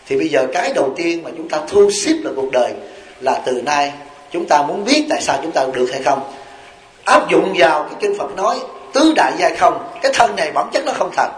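High-voiced Southern Vietnamese monk preaching. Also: male voice, fairly bright tone. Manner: folksy storytelling with rhetorical questions and acted quotes. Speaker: Buddhist monk and abbot giving a dharma talk. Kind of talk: sermon. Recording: echoey hall recording.

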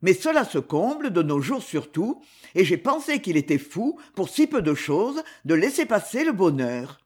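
A man's voice: high-pitched, very animated, normal speed, a little mellow, husky, full character voice. A reader voicing a proud young male duke who earnestly pleads for a marriage, in an audiobook. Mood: pleading.

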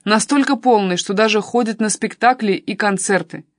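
A pushy young man who coaxes and presses his cousin without letup, voiced by a woman reading an audiobook. The reading is dry, close and steady. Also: medium pitch, moderate pace, dry recording, close to an everyday voice. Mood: persuasive. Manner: pushy, coaxing, persuasive.

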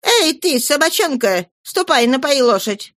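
A woman voicing a harsh, bossy middle-aged innkeeper woman who scolds a child in a shrill voice. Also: big pitch swings, a little slow, fairly bright tone, no room sound, clean studio sound, full character voice. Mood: scolding.

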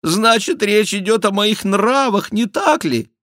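Man doing a nasal high-voiced jester. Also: a little slow, dry recording, studio quality. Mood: mock-tearful. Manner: loud, theatrical, high-pitched mock repentance. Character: mocking male court jester, mock-confessing.

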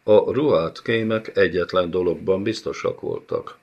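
Male narrator, very low voice, steady dramatic reading; slightly muffled recording. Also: gravelly. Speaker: audiobook narrator. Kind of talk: scripted fantasy narration.

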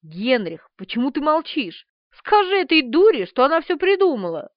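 Brief: woman reading sarcastic gruff man, audiobook, fairly high and animated, dry close sound. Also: normal speed, dry recording. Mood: angry. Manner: sarcastic, brusque. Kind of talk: audiobook character voice. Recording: slightly dull, dry.

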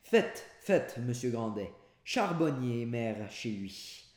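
A pompous, fawning provincial judge who measures out slow flowery compliments, as a man reads him. The voice stays low and close to the reader's own. Echo hangs in the room. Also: mellow, lightly acted. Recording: roomy echoey home recording.

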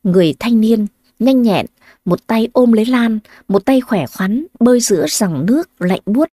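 A woman narrating a scripted story in an even storytelling manner. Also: fairly high pitch, normal speed, dry recording, clean studio sound.

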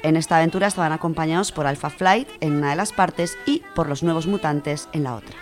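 Over soft background music, a woman with a deep voice and a Spanish-from-Spain accent presents a radio show at a brisk pace. She chats informally while reading out contributions sent in by listeners.

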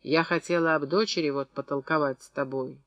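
A man reading the part of a pious old peasant woman, speaking in soft, cautious, plain rural speech. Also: sits high, expressive, unhurried, no room sound, highs cut off, full character voice.

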